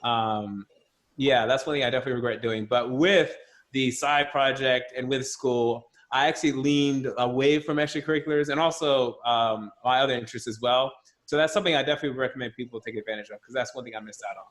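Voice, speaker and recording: A young man from Zimbabwe who grew up in Tennessee, a guest in a casual interview, talking in a relaxed, reflective way with easy jokes. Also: mid-range voice, quick pace. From Zimbabwe, raised in Tennessee. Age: young adult. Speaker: guest, student entrepreneur.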